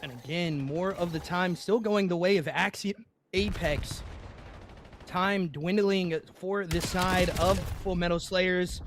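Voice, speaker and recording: A man's voice: sits high, background noise. A young man casting an esports match play-by-play, chatting to his stream viewers and apologizing for a bout of hiccups. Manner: hiccuping, apologetic asides to chat. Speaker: esports caster. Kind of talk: play-by-play commentary.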